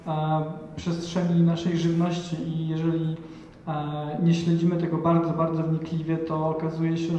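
A man's voice: fairly high pitch, dark tone, a little hiss or hum. Thirties male speaker from Poland, hesitant, heard from a distance through a dull, long-reverb hall. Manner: hesitant, many fillers and restarts. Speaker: panel speaker. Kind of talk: reflective talk at an event. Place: large hall with audience. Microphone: handheld mic.

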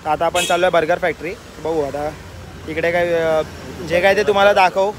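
Filming himself on a phone at arm's length, a twenty-something travel vlogger chats casually with viewers he addresses as brothers. His slightly high voice stays steady and fairly quick while a crowd murmurs behind him, outdoors on a roadside and at a cafe.

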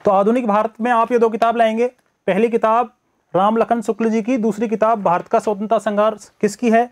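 High-voiced male teacher, chatty live lecture. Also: level tone, a little fast. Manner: chatty, greets viewers by name; acts out students' excuses in first person. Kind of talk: live online exam-prep lecture.

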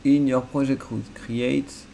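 Male streamer, gravelly voice, casual and self-mocking while coding. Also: medium pitch, little pitch movement, slow, warm tone, a little hiss or hum. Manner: mutters to himself, casual and self-deprecating. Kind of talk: live coding, thinking aloud. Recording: faint keyboard typing behind.

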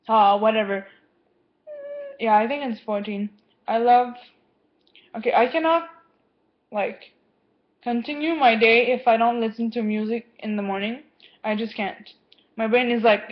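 A teenage girl rambles to her camera at home, drifting off topic and filling her talk with "like". Her voice sits a little high. The sound is dull and lo-fi, like a cheap webcam mic. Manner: rambling, easily distracted, lots of "like". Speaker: vlogger. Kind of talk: casual chat to camera. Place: home, indoors.

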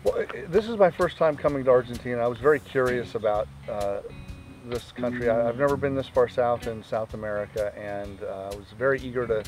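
A man's voice: mid-range voice, a little fast. Chatty upbeat man outdoors. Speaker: birdwatching journalist. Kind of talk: interview answers.

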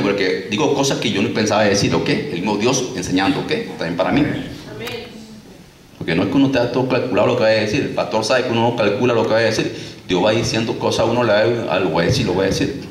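A man preaching a sermon, lively and repetitive, acting out stories with sound effects. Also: medium pitch. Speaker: pastor. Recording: echoey room, distant mic, faint noise.

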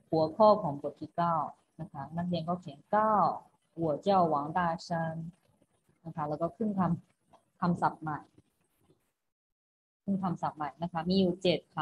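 A woman teacher giving an online class, patiently repeating each instruction. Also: fairly low pitch. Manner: patient, repeats herself with a polite particle at each phrase end. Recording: muffled recording with faint noise.

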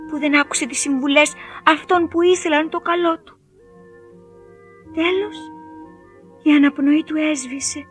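A woman narrating a children's fairy tale in an expressive storytelling manner. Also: high-pitched.

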